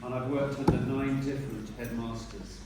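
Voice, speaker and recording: A man, a retiring teacher giving a rambling speech at a dinner and often clearing his throat. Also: mid-range voice, fairly even intonation, moderate pace. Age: 60s. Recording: echoey hall from far off, noisy.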